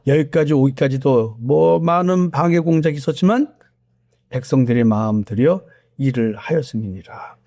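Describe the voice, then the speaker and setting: A middle-aged man preaching a sermon as pastor, earnest and emphatic, slowing down to stress key words. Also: medium pitch, animated, dark tone, dry recording.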